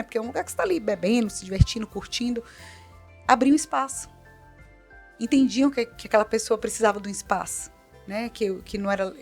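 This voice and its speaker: A middle-aged Brazilian woman speaking as a guest in an interview, earnest and animated, repeating points for emphasis. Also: on the high side. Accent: Brazilian Portuguese. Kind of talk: conversational interview.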